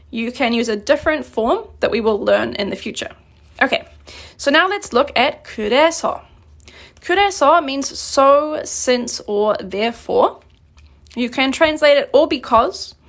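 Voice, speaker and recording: A woman from New Zealand teaching a live-streamed grammar lesson, explaining patiently and clearly, slowing down on her examples. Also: high-pitched, lively intonation, fairly bright tone. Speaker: Korean language teacher.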